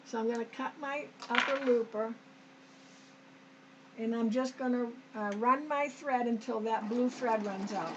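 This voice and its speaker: A woman's voice: fairly high pitch, unhurried, fairly bright tone, dull audio, a little hiss or hum. A woman hosting a sewing tutorial, chatting homely to viewers as she works step by step, her throat a little dry. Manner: homey, talks to viewers as "us", frequent okays and restarts. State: slightly dry throat, clearing it.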